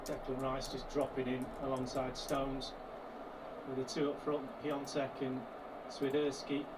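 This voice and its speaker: Flat-voiced male football pundit. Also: a little slow. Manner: analytical, explains shape and space on the pitch. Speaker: TV co-commentator. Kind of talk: tactical football analysis. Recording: distant broadcast audio with loud noise.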